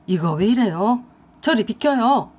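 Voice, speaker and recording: An evasive young man as a female narrator plays him defends himself and pleads. The voice is pushed down from her own and keeps a husky grain. He is the boyfriend caught out in a storybook drama. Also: medium pitch, sing-song, normal speed, a little mellow, heavily acted. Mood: shouting.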